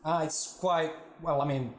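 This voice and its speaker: A Finnish man in his twenties with a Finnish accent, answering interview questions in a relaxed, hesitant way with many fillers. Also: fairly high pitch, unhurried, reverberant. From northern Finland. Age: 20s. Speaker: drummer, interview guest.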